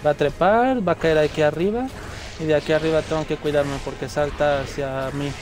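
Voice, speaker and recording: A young man with a Mexican accent giving excitable live commentary while playing a video game, with sudden shouted outbursts and slang. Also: on the high side, brisk, music in the background, low-quality recording. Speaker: streamer.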